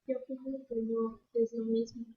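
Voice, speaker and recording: A woman's voice: a little high, little pitch movement, moderate pace, husky. A woman student answering the teacher's question in class, tentative and hesitant. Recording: dull, lo-fi recording.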